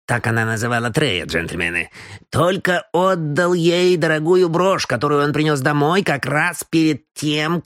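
A whining old landlady who loves her gin, rambling on in a soft, set-back voice, as a male narrator puts her on. She drops her level low and lets the pitch rise and fall in a lively way. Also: no room sound, studio quality. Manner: plaintive, whining. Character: old gossipy gin-drinking landlady woman.

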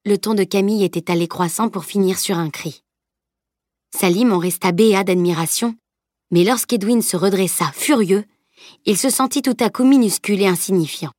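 A woman reading a fantasy novel aloud in steady, measured narration, her pitch sitting in a middle range. The sound is dry and close, with no room around it. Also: no echo. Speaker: audiobook narrator. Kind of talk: scripted narration.

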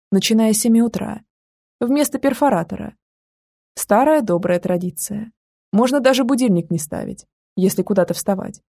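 A woman narrates a first-person audiobook in an intimate, wry manner. Her voice is dark and mellow, with a husky, gravelly texture. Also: medium pitch, no room sound, clean studio sound.

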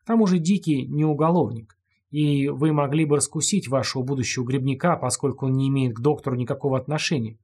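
A man reading an audiobook, voicing a calm, vengeful young killer who talks in a detached, mocking way. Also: mid-range voice, fast talker, husky. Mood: cold menace. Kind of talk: audiobook character voice.

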